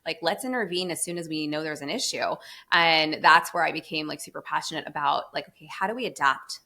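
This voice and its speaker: A woman on a podcast, speaking as a pediatric therapist in a casual conversation. Her voice sits on the low side with a bright, forceful edge. She talks with passion and heavy emphasis. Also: a little fast. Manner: passionate and emphatic, explaining at length. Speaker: guest, pediatric feeding and myofunctional therapist.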